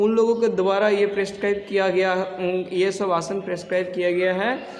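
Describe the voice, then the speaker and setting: A man teaching yoga in a casual, halting way, with many restarts and some throat clearing. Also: high voice, a little mellow, reverberant, long reverb tail, slight background noise. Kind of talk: casual spoken instruction.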